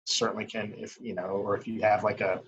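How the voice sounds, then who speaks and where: Youngish dude, kinda low voice, casual interview answers, halting and rambly, lots of you knows. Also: male voice, flat delivery, crowd noise, low-quality recording. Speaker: baseball umpire as interview guest. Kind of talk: casual chat.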